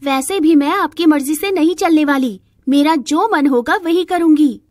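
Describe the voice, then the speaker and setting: A woman's voice: high-pitched, normal speed, a little mellow, dry recording, studio quality, voice pushed up, natural voice. A woman voicing a spoiled, stubborn young bride who whines and demands. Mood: petulant. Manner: whiny and demanding.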